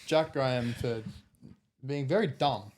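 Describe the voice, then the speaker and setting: A man's voice: mid-range voice, a little slow, a little mellow. An Australian man co-hosting a podcast in casual sports chat. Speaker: podcast co-host.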